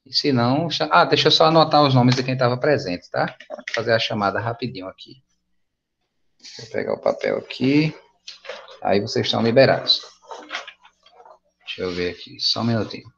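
A man with a Brazilian Portuguese accent leads an online English lesson, patient and encouraging in a relaxed, casual tone. His voice has a gravelly edge. The video-call audio sounds dull and lo-fi. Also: mid-range voice, fairly quick, pauses often, a little hiss or hum. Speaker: English teacher. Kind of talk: online class teaching.

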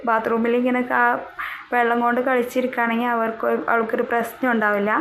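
A woman's voice: fairly high pitch, a bit bright, a little hiss or hum, rough recording. Chatty young woman narrating her day. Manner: chatty, often adding a tag word at the end of a sentence. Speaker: vlogger. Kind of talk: casual voice-over narration of daily chores.

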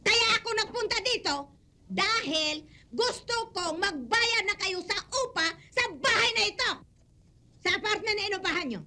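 A shrill, squealing comic landlady. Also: animated, normal speed, heavily acted. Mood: scolding. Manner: loud, squealing, theatrical. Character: shrill, flirty, hot-tempered woman. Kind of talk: slapstick film comedy.

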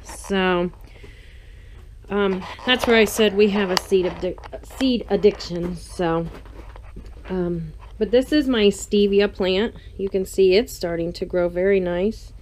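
Outdoors among a small greenhouse and an open farm garden, a woman vlogger talks through her garden in a chatty, easygoing way with pauses between short phrases. Her voice is mid-range and slightly dark. The sound is from a worn or handheld action camera's built-in mic and includes clear ambient outdoor noise.

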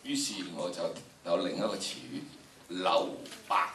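A deep, fairly bright voice belongs to an older man with a Hong Kong Cantonese accent, who speaks animatedly at normal speed while teaching a drama workshop. Addressing students directly, he lectures theatrically and emphatically and demonstrates dramatic recitation. He is recorded from afar in a large indoor lecture room, so there's plenty of echo and noise.

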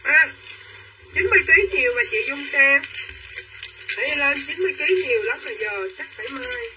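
A young woman selling clothes on a livestream, talking quickly and pushing viewers to claim items. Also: sits high, lively intonation, distant mic, noisy background. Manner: quick and pushy, urging buyers to claim items. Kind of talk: live-selling chatter to viewers.

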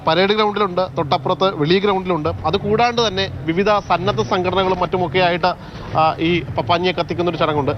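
A man with a Kerala accent reporting live as a TV field reporter, pausing often on drawn-out fillers. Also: sits high. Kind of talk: live news report and street interviews. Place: outdoors at a festival ground. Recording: dull outdoor audio, loud street noise.

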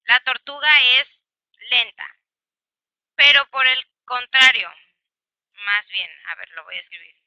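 A woman's voice: on the high side, expressive, measured pace, long pauses, sharp tone, no echo, dull audio. A woman with a Mexican Spanish accent teaching an English grammar class, explaining patiently with many examples and switching between Spanish and English.

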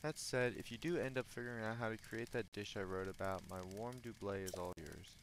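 A man reading a lonely old hermit's lines in a slow, earnest, theatrical voice. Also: on the low side, slight background noise, natural voice. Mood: wistful. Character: lonely old male hermit, gentle and wistful. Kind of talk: reading game dialogue in a put-on voice.

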